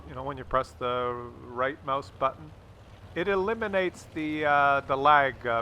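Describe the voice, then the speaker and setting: Over a game replay, a man who hosts gameplay commentary videos talks casually in a pushed, bright, mid-range voice. He keeps repeating his phrases and leans on a crude, jokey sense of humour.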